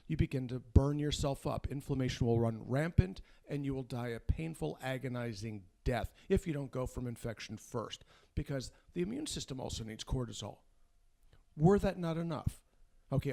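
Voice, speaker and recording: A man's voice: medium pitch, vocal fry, a little mellow. A man speaking as a guest doctor, giving an informal medical lecture in an emphatic, folksy way with rhetorical questions. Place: unfinished studio.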